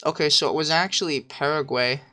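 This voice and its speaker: A man streaming a game, thinking aloud, swearing constantly, second-guessing himself and bursting into loud excited shouts. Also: fairly high pitch, brisk, faint music behind. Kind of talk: casual gameplay commentary.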